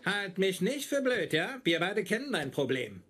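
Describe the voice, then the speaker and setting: A man's voice: high-pitched, sing-song, normal speed, a bit bright, slight background noise. A man dubbing a blunt, teasing male scientist colleague in a sitcom. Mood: brusque. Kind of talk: dubbed sitcom acting.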